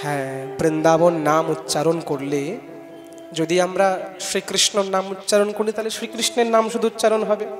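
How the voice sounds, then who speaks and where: A man with a Bengali accent giving a devotional scripture discourse, chanting Sanskrit verses loudly and then explaining them conversationally while urging the audience to respond. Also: high voice, level tone, moderate pace, in a large hall, over music. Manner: urges the audience to call out responses. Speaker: Bhagavat katha preacher. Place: large festival gathering hall.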